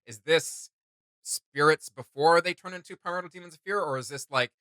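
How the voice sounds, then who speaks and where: A reaction channel host chats casually about game character lore, emphatic, rambling and full of questions. His voice sits on the high side with a sharp, clean tone at normal speed, recorded without echo.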